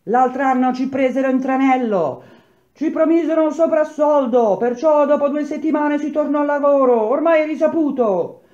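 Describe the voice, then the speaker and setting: A man's voice: very high voice, normal speed, a little mellow, muffled recording, voice pushed up. A man voicing a group of aggrieved workers answering together, agitated and raised.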